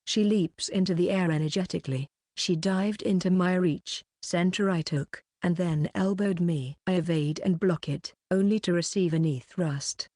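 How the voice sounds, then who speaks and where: A woman narrating a light novel audiobook in an even, plain reading style. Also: lowish voice, moderate pace, hardly any pauses, no echo, clean studio sound.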